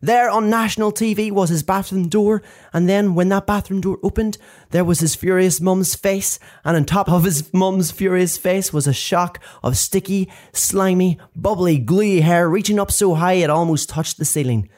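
A man reading his own book aloud in lively, animated storytelling. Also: high-pitched, moderate pace. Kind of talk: expressive audiobook narration.

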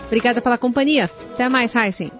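A woman with a Brazilian accent anchoring radio news, reading clearly and steadily. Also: on the high side, fast talker, a bit bright, soft background music. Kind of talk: scripted radio news presenting.

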